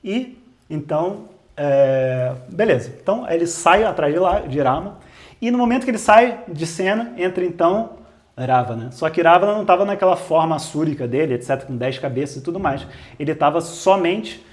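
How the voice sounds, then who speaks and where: A man with a Brazilian accent retelling a story casually, animated and joking, with many asides. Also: on the high side, fairly quick. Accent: Brazilian Portuguese.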